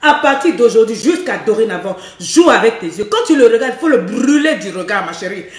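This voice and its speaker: A woman coaching women on love, with a hoarse voice, talking in a bold, teasing and playful way and laughing often as she speaks straight to her listeners. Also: on the high side, sing-song, a little fast, reverberant, recorded from a distance. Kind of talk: frank advice monologue to women viewers.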